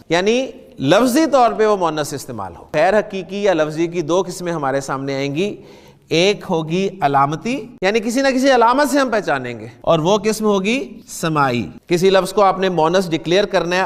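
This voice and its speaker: A man's voice: high-pitched, long reverb tail. A man teaching a beginners' grammar lesson, patiently explaining step by step and asking the class questions.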